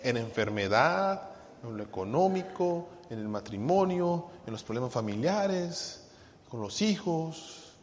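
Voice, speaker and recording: A man's voice: medium pitch, sing-song, measured pace, big-room sound. A man preaching a sermon to a congregation, asking them questions and now and then singing lines of a hymn. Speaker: pastor.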